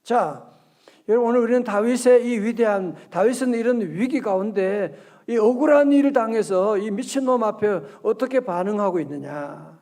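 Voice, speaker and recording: A high-voiced male pastor preaches at an early-morning prayer service in a lively, conversational style. He often questions the congregation and reads scripture aloud slowly.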